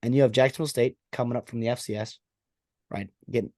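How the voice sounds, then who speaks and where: A man's voice: medium pitch, steady tone, fast, darkish tone, dry recording, clean studio sound. A man co-hosting a college football podcast, chatting casually and peppering his points with "like" and "right?". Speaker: podcast co-host. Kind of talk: casual sports chat.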